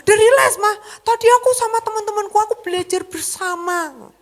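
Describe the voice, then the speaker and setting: A woman preacher putting on her teenage son, a casual innocent boy with a lilt. his replies come out breezy and boyish, pitched way up high in her retelling. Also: a little fast.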